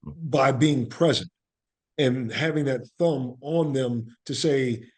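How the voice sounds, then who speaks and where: A slow, medium-pitched male voice belongs to an actor and playwright being interviewed on a conversational podcast. His manner is earnest and reflective, and he often repeats phrases for emphasis.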